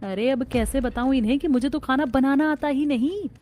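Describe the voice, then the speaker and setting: A woman voicing a scheming young bride who can't cook, in an animated family drama, muttering sly asides to herself. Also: sits high, moderate pace, faint music behind, lightly acted.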